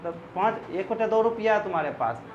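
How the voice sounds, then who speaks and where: A man's voice: sits high, animated, fairly quick, highs cut off, a crowd in the background. A man teaching a maths class, explaining step by step and often quizzing his students.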